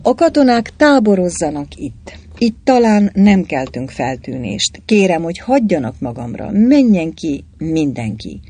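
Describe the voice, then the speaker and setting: A man's voice: high-pitched, big pitch swings, few pauses, a little mellow, breathy edge, exaggerated voice. A narrator voicing a cool-headed man in overalls who gives curt orders. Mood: firm. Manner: curt, commanding. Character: tough, cool-headed male driver in overalls.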